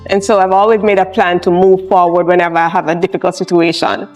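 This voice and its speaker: A woman, a charge nurse speaking in a personal interview in a soft-spoken, reflective, encouraging way. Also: on the low side, flat delivery, fast. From Jamaica. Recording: soft music underneath.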